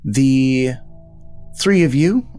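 Relaxed male game master narrating. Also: medium pitch, drawn-out words, smooth, faint music behind. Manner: relaxed, many ums. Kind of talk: narrating a tabletop horror game.

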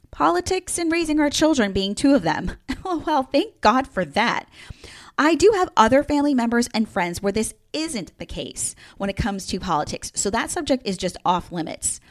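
Woman, 50s, New Jersey accent, podcast host, upbeat, sarcastic, fairly high voice, very animated pitch. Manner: upbeat, emphatic, playfully sarcastic. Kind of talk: solo podcast monologue.

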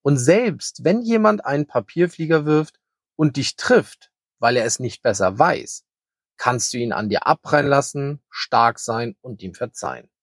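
A man voicing a very old, calm and kind grey male hare in a children's story, speaking gently and wisely. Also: mid-range voice, a little slow, no room sound, studio quality. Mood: gentle. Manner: gentle, soothing, wise.

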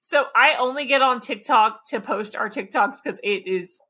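A woman co-hosting a podcast, chatting casually, giggly and animated. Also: on the high side, normal speed, husky. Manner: giggly and animated, prone to shrieks. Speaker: podcast co-host. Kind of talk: casual chat.

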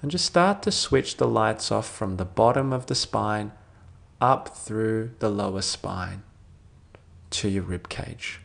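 A man with a fairly low, creaky voice talks listeners through a guided sleep meditation. He keeps a soothing sleep-story tone, letting gentle phrases drift off with long pauses in between.

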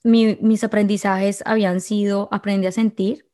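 A woman's voice: medium pitch, little pitch movement, moderate pace, mellow. A woman telling her viewers a personal story in an emotional, confiding way, often restarting her sentences.

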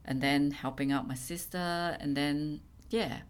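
A middle-aged woman from Singapore with a Singaporean accent, a venue owner chatting as an interview guest in halting, plain phrasing. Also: deep voice, steady tone. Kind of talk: casual interview chat.

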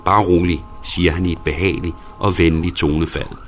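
A man with a very low, deep voice reads a first-person story aloud. His telling is plain and low-key, without fuss. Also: little pitch movement, faint music behind. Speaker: narrator.

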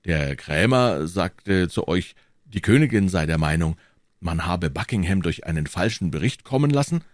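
A man's voice: low-pitched, expressive, moderate pace, no room sound, studio quality. Athos, a man playing a grave noble musketeer.

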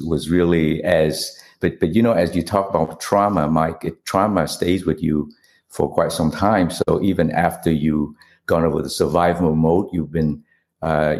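Very deep-voiced man, halting speech. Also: a little mellow. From Vietnam. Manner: halting, many fillers and restarts. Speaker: guest, nonprofit CEO. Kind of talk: interview answers.

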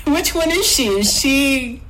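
A woman from California hosting her podcast, talking casually with lively, laughing asides. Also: high-pitched, slow pace, poor audio. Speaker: podcast host.

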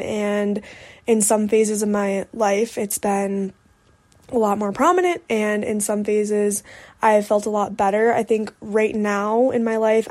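A woman in her twenties hosts a solo podcast, giving a casual personal update. Her voice is medium-pitched with a darkish tone, and she talks candidly and reflectively, leaning on "like" as filler.

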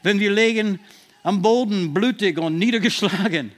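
Speaking in a high-pitched voice, a male preacher delivers a sermon, dwelling on Bible verses slowly and emphatically. Now and then he restarts as he hunts for the right words.

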